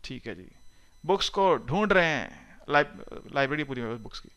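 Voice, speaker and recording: Middle-aged male lecturer from India, bright and resonant, reassuring and talkative. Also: mid-range voice, lively intonation, normal speed, clean tone. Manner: chatty, reassuring, mixes English phrases into speech. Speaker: math teacher. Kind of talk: recorded lecture.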